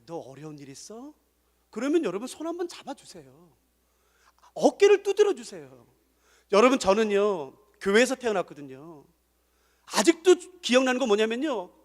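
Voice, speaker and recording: A man preaching an emotive sermon, swinging between loud exhortation and soft, tender asides. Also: high voice. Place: large church hall. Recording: long church hall reverb.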